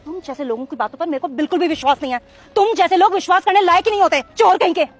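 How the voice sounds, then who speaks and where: A woman playing an arrogant rich mother who talks down to people in a sharp, accusing, contemptuous way. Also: very high-pitched, very fast, faint music behind. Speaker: shopper. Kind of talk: amateur web drama acting.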